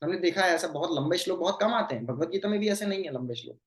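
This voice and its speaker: A devotional scripture teacher with a mid-pitched voice, recorded in a roomy, echoing space. Sanskrit verses come out slow and measured, followed by explanations with English phrases woven in. Rhetorical questions close with a "hmm?". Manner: recites Sanskrit verses slowly, then explains them; mixes English phrases into the talk. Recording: roomy echo.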